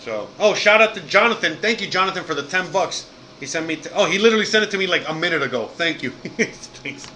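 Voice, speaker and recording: Sick with food poisoning, a Miami-born Cuban-American livestream host rambles profanely through a casual chat, tossing in "you know what I mean" again and again. His voice sits high with a sharp tone, he talks fast and animatedly, and a little hiss or hum is audible, along with his Miami Cuban accent.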